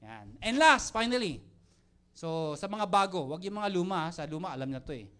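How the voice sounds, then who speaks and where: A young man giving a lively motivational talk to a live audience, joking and quizzing the crowd as he mixes Tagalog and English. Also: high-pitched, normal speed. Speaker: mentor speaking to network marketing team.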